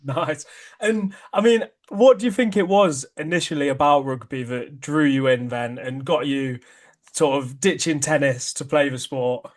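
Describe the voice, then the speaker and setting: Higher-voiced male podcast host. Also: normal speed. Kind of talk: casual interview questions.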